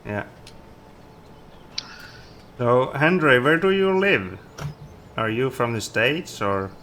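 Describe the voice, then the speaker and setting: A man's voice: mid-range voice, sing-song, slow pace, fairly bright tone, a little hiss or hum. A man hosting a multiplayer game stream, reading viewer messages aloud and teasing his co-players in casual chat. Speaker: stream host.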